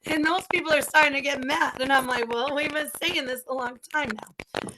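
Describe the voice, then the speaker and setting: Blunt, high-pitched woman host with a crackly, distorted mic and plain hiss behind her voice. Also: fairly even intonation, moderate pace. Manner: blunt, outspoken, swears freely. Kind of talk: casual opinionated livestream talk. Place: home.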